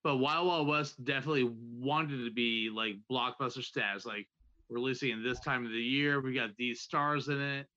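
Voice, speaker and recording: A man's voice: medium pitch, moderate pace, bright, forceful tone. A man on a casual movie podcast, dropping brief, dry remarks. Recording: slightly dull lo-fi audio.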